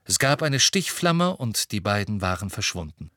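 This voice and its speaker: A man narrating an audiobook with steady, expressive storytelling. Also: fairly low pitch, normal speed, no echo, clean studio sound. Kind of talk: audiobook reading.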